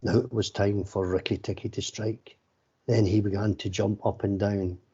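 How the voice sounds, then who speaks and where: A man's voice: on the low side, flat delivery, normal speed, dark tone, breathy edge. A man reading a children's story aloud in a stiff, careful way, with little inflection. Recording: slightly dull, lo-fi sound.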